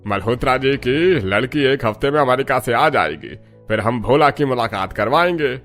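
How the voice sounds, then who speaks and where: A man's voice: medium pitch, lively intonation, normal speed, fairly bright tone, soft background music, lightly acted. A man voicing an irritable, grumbling older father-in-law in a cartoon. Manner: grumbling, curt.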